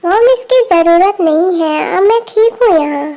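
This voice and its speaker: A woman voicing a calm, caring young man in an amateur fan dub, with a gentle, reassuring manner. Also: extremely high pitch, a little slow, exaggerated voice.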